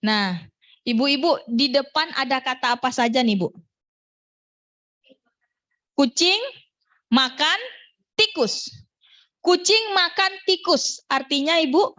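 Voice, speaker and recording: A woman from North Sumatra leading a lively public speaking workshop for a women's group, asking questions and demonstrating intonation. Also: high voice, normal speed. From North Sumatra, Batak.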